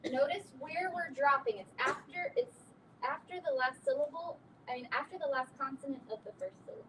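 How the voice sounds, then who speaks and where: A woman teaches a chemistry lesson, patiently explaining naming rules and spelling word endings out letter by letter. Her voice is high-pitched and a bit bright at a moderate pace. This recorded classroom lesson was captured by a distant mic with clear background noise.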